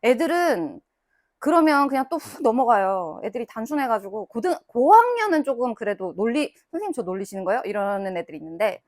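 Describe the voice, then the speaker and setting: Middle-aged woman, high, very lively voice, dry close sound; a tutor lecturing parents and acting out quotes. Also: brisk, dry recording. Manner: animated, acts out mothers and children in quoted lines. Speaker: author and English tutor giving a parenting talk. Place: small library book cafe.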